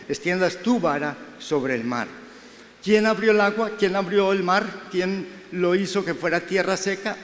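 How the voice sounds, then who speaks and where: A man's voice: on the high side, a little hiss or hum. A middle-aged man preaching a Sunday sermon in a conversational way, acting out quoted dialogue. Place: church hall. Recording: echoey hall with long reverb.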